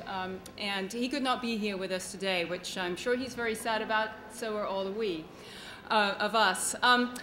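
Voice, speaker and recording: A woman with a fairly high, bright voice and a forceful tone gives a live speech as the author at a book launch. The event takes place at an institutional venue, and her manner is grateful, earnest and emphatic.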